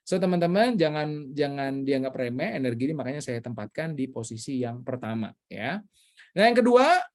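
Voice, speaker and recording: An energetic man from Indonesia leads an online public speaking workshop over a video call. His voice sits a little high, and he swings his pitch up and down for emphasis. He mixes English phrases into his teaching.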